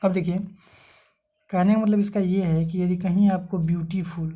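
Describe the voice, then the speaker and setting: A woman's voice: fairly low pitch, steady tone, moderate pace, dark tone. A woman giving an online exam-prep grammar lecture as a teacher. She keeps asking rhetorical questions and answering them herself, and spells words out letter by letter.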